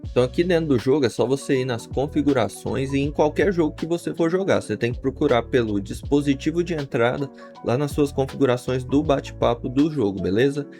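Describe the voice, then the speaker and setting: Brazilian male reviewer, creaky mid-pitched voice, casual tutorial delivery, light music bed. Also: fairly quick, few pauses, dark tone. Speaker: YouTube software reviewer. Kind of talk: casual scripted-sounding product tutorial. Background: faint guitar music.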